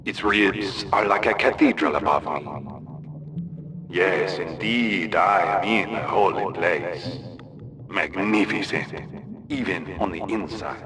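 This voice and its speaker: A man with a French accent playing a pompous, lovelorn deep-sea explorer who narrates in slow, grandiose tones. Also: sharp tone, heavily acted. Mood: wistful. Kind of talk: comedy radio sketch.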